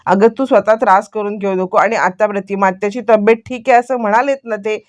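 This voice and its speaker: A woman's voice: mid-range voice, steady tone, brisk, natural voice. A woman voicing a young husband who explains himself defensively.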